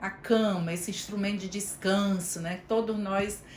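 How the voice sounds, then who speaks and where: A woman's voice: mid-range voice, steady tone, measured pace. Brazilian woman trainer, chatty lecture over a video call, roomy echo, faint hum behind. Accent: Brazilian Portuguese. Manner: warm explanatory, chatty asides, addresses listeners by name. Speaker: teacher trainer.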